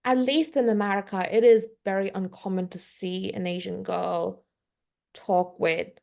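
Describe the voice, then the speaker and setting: A young Korean concept artist, invited onto a casual podcast, works through her thoughts aloud while hedging, saying "like" a lot and restarting. She speaks British-accented English with a slight Californian tinge, in a medium-pitched, darkish voice with vocal fry, a steady tone and a measured pace.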